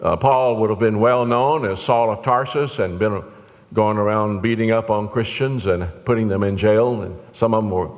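A man's voice: lowish voice, normal speed. Older man, pastor, earnest sermon, reverberant church, muffled lo-fi sound. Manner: earnest preaching, rising to urgent exhortation. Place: church sanctuary, indoors, at the pulpit. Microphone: pulpit mic from a far camera. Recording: roomy hall reverb, dull lo-fi sound.

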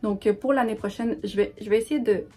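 A young woman with a Québécois French accent talks to her audience in a chatty, upbeat vlog about books. Her voice is a little husky and breathy, sitting at an ordinary middle pitch. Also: fairly quick, mellow. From Quebec. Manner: chatty and enthusiastic. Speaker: book vlogger. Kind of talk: casual vlog talk to camera.

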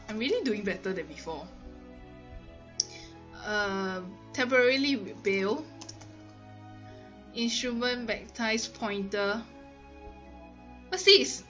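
A woman's voice: medium pitch, a bit bright. A woman with a Singaporean accent thinking aloud and exclaiming casually as she plays a word game. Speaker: gamer hosting a let's play. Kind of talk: casual chat and reading aloud while playing a word game. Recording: muffled lo-fi audio with music.

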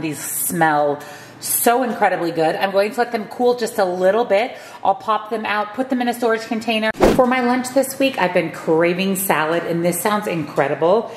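A woman's voice: mid-range voice, a little hiss or hum. A woman hosting a cooking channel, talking viewers through a meal prep step by step in a friendly voice-over.

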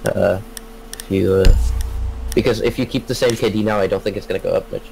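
A man's voice: fairly low pitch, steady tone, brisk, gravelly, a little mellow. A man playing a team shooter, chatting casually with teammates and giving callouts. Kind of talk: casual gaming chat, tactical callouts. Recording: noisy game voice chat.

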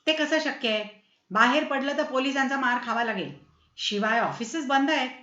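A woman's voice: high-pitched, normal speed, bright, forceful tone, roomy sound, dull audio. A woman voicing a stubborn, grumbling middle-aged father in a read-aloud story. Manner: grumbling, irritable.

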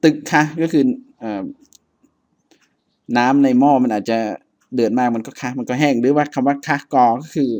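A man teaching a reading lesson, reading items aloud one by one and then explaining each in a patient, relaxed way, with frequent polite particles. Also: medium pitch, normal speed. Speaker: language teacher.

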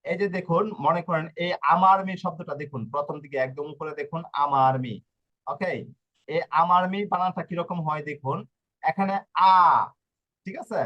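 A man's voice: a little high, normal speed, fairly bright tone. Guy teaching spelling in a class, keeps asking okay?, muffled lo-fi audio. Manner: patient, repeats points and checks in with "okay?". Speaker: Italian language teacher. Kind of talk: live online class in Bengali. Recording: dull lo-fi audio.

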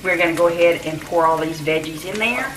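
An older woman with a gentle drawl talks her viewers through a home recipe, easygoing and full of little fillers. Her voice sits on the low side, picked up by a camera mic some way across the kitchen with a clear layer of background noise. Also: brisk, distant mic. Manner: homey, chatty, with soft laughs and fillers. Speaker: home cooking channel host. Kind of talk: casual cooking demonstration.

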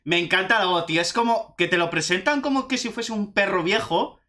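A young man with a Spanish accent from Spain, chatting excitedly as he reacts to a video game trailer. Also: high voice, brisk, soft background music. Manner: excitable, chatty, says "tío" often. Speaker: gaming youtuber reacting to a trailer.

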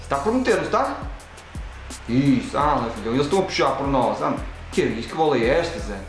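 Excitable Portuguese man, echoey room. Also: medium pitch, quick pace, soft background music. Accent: European Portuguese. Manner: excitable, talks at the game and the referee, frequent exclamations. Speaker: gaming channel host. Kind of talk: playing a football video game and commentating.

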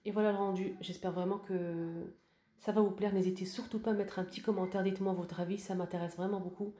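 A woman's voice: medium pitch, flat delivery, quick pace, warm tone, roomy sound. A woman giving a casual home decor tour and showing her purchases, talking hesitantly with many fillers and restarts. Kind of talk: casual voice-over room tour.

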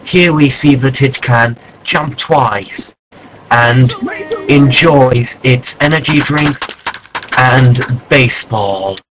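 A man narrating a mock nature documentary in a mock-serious, deadpan way, breaking into startled exclamations. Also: mid-range voice, takes it slowly, background noise.

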